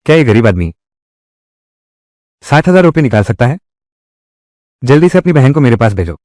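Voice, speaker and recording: A man's voice: mid-range voice, very animated, normal speed, darkish tone, no echo, clean studio sound, close to an everyday voice. A man dubbing a crude, bullying male debt collector in a Hindi drama, speaking in threatening, mocking bluster. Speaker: voice actor.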